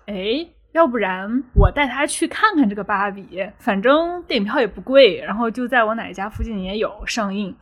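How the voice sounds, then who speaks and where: A woman in her twenties co-hosting a casual podcast, telling a long story in a rambling, chatty way. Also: medium pitch. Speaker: podcast co-host.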